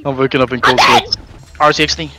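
A young man in an online shooter session, trash-talking his friends, mock-rating their plays and yelling when the action heats up. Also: medium pitch, fairly even intonation, a little fast. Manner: loud trash talk, mock-scores plays, bursts of yelling. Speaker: gamer in voice chat. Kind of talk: casual crude gaming banter. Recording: game music behind the voice.

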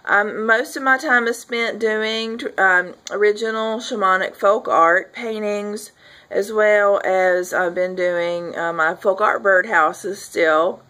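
A woman's voice: mid-range voice, steady tone, takes it slowly, bright, forceful tone, rough recording. A woman in her forties giving a casual, rambling video update from her living room, talking into a webcam with plenty of fillers. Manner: chatty, rambling, frequent fillers and affirming yeahs. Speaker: folk artist and healer. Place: living room at home, indoors. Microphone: webcam at desk distance.

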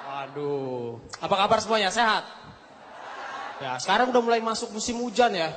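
A man's voice: high-pitched, lively intonation, moderate pace. A man doing a stand-up comedy routine, full of slangy, self-mocking punchlines. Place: TV studio stage before a live audience. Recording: TV broadcast with crowd and noise.

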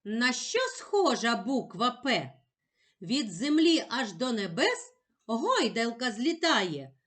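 A woman teacher giving a patient, encouraging lesson for young children, sounding words out slowly and carefully. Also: a little high, very animated, fairly bright tone. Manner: slow, carefully sounded-out speech.

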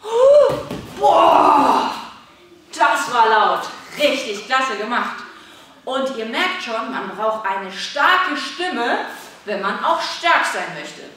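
Kids' coach, woman, German accent, slow and encouraging, recorded off-mic in a room. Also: on the high side, lively intonation, heavy reverb, far from the mic, slight background noise. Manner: encouraging, coaxing young children with loud calls. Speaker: children's movement coach. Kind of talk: leading a kids' online workout. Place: indoor room.

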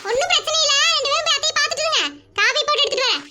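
A woman's voice: extremely high pitch, racing, very noisy, pitched above the performer's own voice. A woman playing a sarcastic sister-in-law who taunts her relatives in a comedy skit. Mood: needling. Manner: needling, sarcastic.

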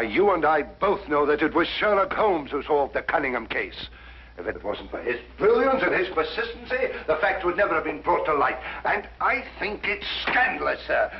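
An actor playing an earnest, officious British police inspector in a 1950s drama, speaking formally and emphatically. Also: male voice, a little high. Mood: indignant, earnest. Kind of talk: 1950s television drama acting. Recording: muffled, noisy 1950s television soundtrack.

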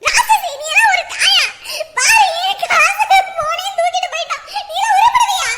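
An actress playing a frantic housewife who pleads, wails and scolds. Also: female voice, big pitch swings, normal speed, fairly bright tone, reverberant, slight background noise, full character voice. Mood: wailing. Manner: shrill, wailing and scolding. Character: frantic housewife wailing at a thief.

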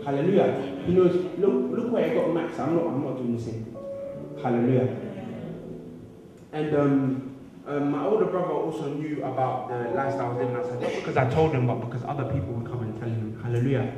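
A man's voice: mid-range voice, fast talker, recorded from a distance, music in the background. Young man preaching in an echoey hall. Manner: punctuates sentences with "hallelujah" and "amen". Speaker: church speaker giving testimony. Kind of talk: testimony sermon to a congregation. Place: large church hall indoors. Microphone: handheld microphone. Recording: echoey hall recorded from afar.

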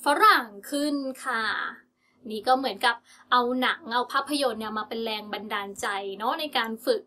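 A young woman teaching English pronunciation in a casual lesson, drilling words slowly and repeating them with stress. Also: a little high, pushed and bright.

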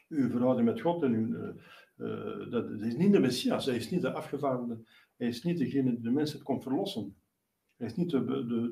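A man's voice: mid-range voice, darkish tone. A male priest preaching a sermon, explaining at length with many fillers and restarts. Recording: roomy echo, voice from a distance.

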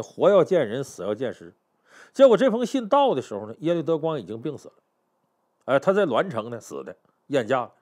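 Brief: a man spinning a history tale, lively pitch, slightly high voice, keeps asking the audience questions. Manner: chatty, animated, rhetorical questions to the listener. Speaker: history storyteller. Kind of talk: storytelling history talk.

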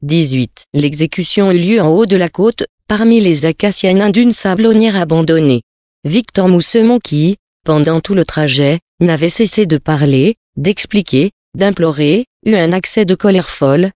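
A reader narrating a novel in a measured, grave storytelling tone. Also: medium pitch, a little mellow, no echo, studio quality. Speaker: audiobook reader.

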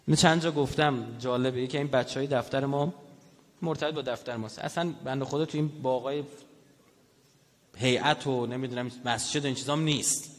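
A man giving a public religious lecture, telling stories in an animated way and putting questions to the audience. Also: medium pitch. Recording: echoey hall reverb.

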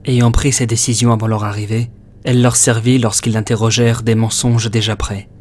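A man's voice: on the low side, soft background music. Man reading a horror audiobook. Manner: measured, expressive storytelling. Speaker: audiobook narrator.

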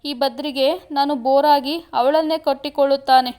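A woman's voice: high-pitched, unhurried. A woman voicing a tearful jealous village girl. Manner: sobbing, pleading, accusing.

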